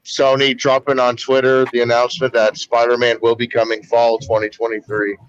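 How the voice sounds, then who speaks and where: A man's voice: mid-range voice, monotone, brisk, clear, resonant tone, no echo. Male co-host phoning in while driving, voice cutting in and out, muffled dry call audio, blunt and profane. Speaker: podcast co-host. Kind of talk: casual chat. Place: in a moving car.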